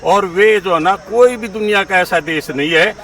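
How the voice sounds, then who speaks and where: A man's voice: high-pitched, moderate pace, fairly bright tone. A man, explaining his opinions in a street interview, peppering his speech with English terms and a repeated filler phrase. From India. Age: 70s. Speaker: interviewee giving political opinions. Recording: distant mic, outdoor street recording.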